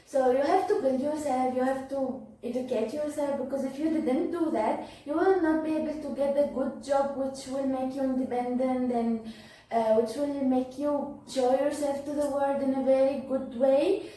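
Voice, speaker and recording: A young woman with a Syrian Levantine Arabic accent speaks in a notably high, soft-toned voice. She answers casually as an interview guest, pausing to find words. The recording is very echoey and distant, with faint noise. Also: fairly even intonation. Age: young adult.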